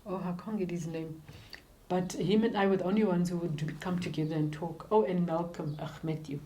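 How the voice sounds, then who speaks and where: An older woman with a South African accent, speaking in a halting, reflective way as she recounts her life and work in an interview. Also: lowish voice, steady tone, dark tone, poor audio.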